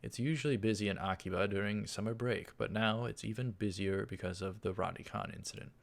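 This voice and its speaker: A man with a lowish, creaky voice speaks briskly as he hosts a let's play. He reads visual novel text aloud and tosses in casual, offhand remarks while game music plays behind him.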